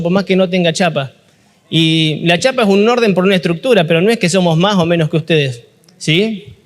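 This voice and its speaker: A man with a high voice and a Rioplatense Argentine accent delivers a jokey, conversational sermon at a workshop, often quizzing his audience. He's a youth ministry speaker, and his voice trails off into a long reverb.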